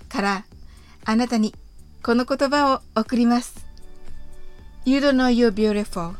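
A woman hosting an English conversation podcast, reading a lesson gently and carefully, drawing out the English examples. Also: high-pitched.

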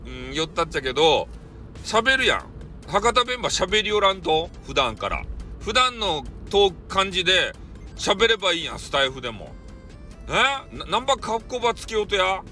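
Man, Hakata accent, casual streamer chat, very bright voice, lively swings in pitch. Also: soft background music. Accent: Hakata dialect. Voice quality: teasing, jumpy pitch, drawn-out dialect vowels. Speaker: audio streamer.

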